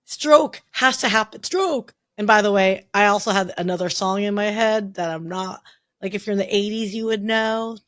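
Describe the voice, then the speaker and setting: A woman's voice: mid-range voice, steady tone, brisk. Chatty woman podcast co-host. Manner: chatty storyteller with frequent restarts. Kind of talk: casual chat.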